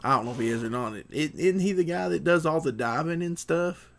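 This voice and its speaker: A man's voice: on the high side, expressive, a little fast, vocal fry, fairly bright tone. A man hosting a casual livestream, reading out viewer messages in a laid-back way. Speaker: livestream host reading chat. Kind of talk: casual joking chat.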